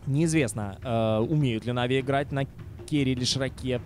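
Faint music plays behind a man commentating a live video game match at a moderate pace. The esports commentator has a mid-range voice and drops casual, sardonic, wry remarks to his audience.

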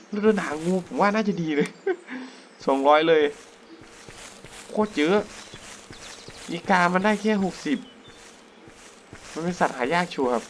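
A young man giving casual, excitable commentary while playing a hunting game, breaking into sudden jumpy exclamations. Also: a little high, a little hiss or hum. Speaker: gaming YouTuber. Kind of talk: casual let's-play commentary.

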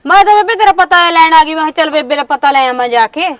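A soothing, peacemaking grown daughter, played by a woman in a homemade family drama. She pleads gently in a high voice at a brisk pace. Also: expressive. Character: grown married daughter visiting her mother, peacemaker.

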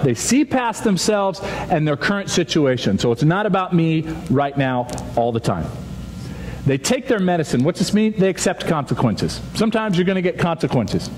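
Lively man speaking in a big hall. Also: a little high. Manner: animated storytelling, acts out quoted voices. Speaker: youth chapel speaker. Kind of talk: chapel talk to students. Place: large dark auditorium with stage. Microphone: stage microphone, seen from far back. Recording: reverberant hall, faint audience noise.

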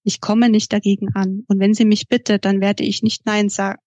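A woman's voice: mid-range voice, little pitch movement, brisk, a little mellow, no room sound, lo-fi sound, natural voice. A woman voicing a restless musician, an older brother who talks in an earnest, pleading way.

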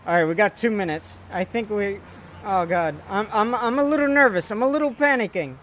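A man giving let's play commentary, excitable and panicky, swearing a lot as he plays. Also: sits high, a little fast, a little hiss or hum. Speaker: gaming video host.

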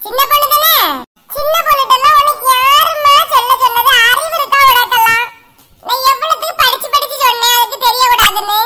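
A boastful shopkeeper woman scolds and brags in a Kanyakumari accent, with a woman acting her. Her voice is very high and piercingly bright. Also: brisk, full character voice. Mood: scolding. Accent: Kanyakumari Tamil. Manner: scolding, show-off. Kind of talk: comic sketch acting.

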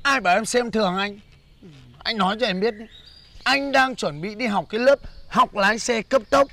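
A man playing a boastful young laborer who brags loudly. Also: high-pitched, moderate pace. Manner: bragging, bossy, loud. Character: boastful broke male laborer, young adult.

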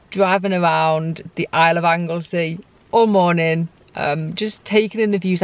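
A woman in her thirties talking to a handheld camera from inside her car and out on a windy coast, chatty and excitable about the weather. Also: fairly low pitch. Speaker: travel vlogger. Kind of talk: casual vlog narration. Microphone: phone or camera held at arm's length.

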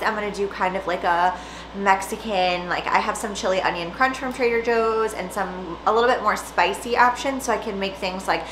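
Woman vlogger chatting thru meal prep, upbeat, thinking out loud, echoey kitchen. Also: medium pitch, noisy background. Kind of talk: casual meal-prep chat. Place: home kitchen. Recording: echoey room with faint ambience.

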